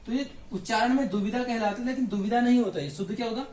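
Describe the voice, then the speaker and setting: A man's voice: very high-pitched, fast, darkish tone, reverberant. A man with a Hindi accent teaching Hindi grammar by walking through exam questions, posing questions and answering them himself. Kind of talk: exam question walkthrough lesson.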